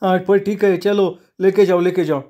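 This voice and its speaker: An irritable middle-aged shopkeeper who snaps and mutters, his voice pitched well above the reader's own, as a male storyteller puts him on. He sounds annoyed and put-upon, gives way grudgingly and keeps complaining. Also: little pitch movement, takes it slowly, a little mellow. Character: grumbling middle-aged male paan-shop keeper.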